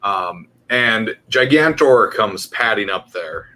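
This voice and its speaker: A man's voice: on the low side, lively intonation, slow pace, sharp tone, a little hiss or hum, low-quality recording. A man acting as game master, narrating casually and putting questions to the players. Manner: conversational, directing players with questions.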